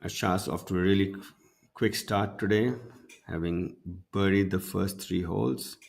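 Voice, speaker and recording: A man's voice: deep voice, steady tone, moderate pace, gravelly. A man giving analysis as a golf commentator during live tournament coverage. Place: broadcast studio.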